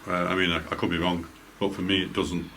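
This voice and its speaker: Low-voiced medium. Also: male voice, fairly quick, a little hiss or hum. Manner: calm, reassuring, stumbling over words. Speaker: medium leading a paranormal investigation. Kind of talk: guiding a night-time ghost hunt. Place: indoors in a house at night.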